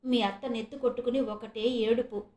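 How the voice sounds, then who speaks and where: An elderly grandmother, as a woman reads her, talks in a plain, scolding way about family troubles. Her voice sits fairly high, and the recording has a roomy echo. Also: steady tone, moderate pace, mellow, close to an everyday voice. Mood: grumbling.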